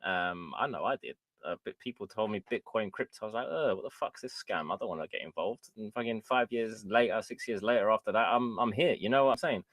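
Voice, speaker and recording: A man's voice: lowish voice, brisk, few pauses, fairly bright tone, dry recording. A man chatting casually in a very informal, sweary way. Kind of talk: casual chat.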